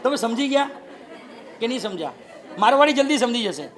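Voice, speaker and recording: A man's voice: very high voice, a little fast, crowd noise, noisy background. A man with a Gujarati accent, a Jain monk giving a humorous sermon and acting out the people in his stories in a raised voice. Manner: animated, acts out quoted people with raised voice.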